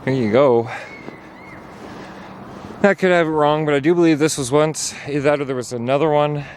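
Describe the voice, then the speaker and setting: A man's voice: on the high side, normal speed, darkish tone. Man, hiking vlog, outdoors, chatty, slightly out of breath, faint background noise. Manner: chatty, talking while hiking, sometimes out of breath. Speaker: vlogger. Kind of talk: casual hiking vlog narration. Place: outdoors on a snowy trail.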